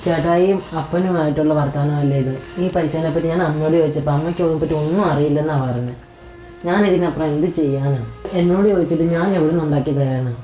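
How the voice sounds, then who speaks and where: Actress as weary young wife, very mellow dark tone, echoey room. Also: female voice, low voice, fast talker, soft background music, close to an everyday voice. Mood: pleading. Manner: tired, complaining. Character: weary young married daughter.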